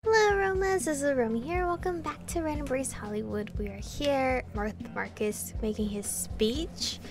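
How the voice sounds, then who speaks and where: A woman hosts a visual novel playthrough, reading the game text aloud with expressive, casual reactions and some casual swearing. Her voice sits high at a moderate pace, heard over music.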